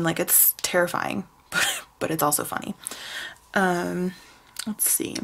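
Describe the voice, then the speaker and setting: A woman's voice: mid-range voice, creaky. A young woman chatting casually in a plan-with-me vlog, rambling with many fillers as she plans out her week. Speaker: planner sticker shop owner.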